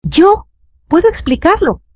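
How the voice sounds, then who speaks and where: A narrator voicing a manipulative young daughter-in-law who pleads and speaks frantically. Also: female voice, fairly low pitch, big pitch swings, unhurried, gravelly, mellow, husky, pitched above the performer's own voice, heavily acted. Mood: desperate.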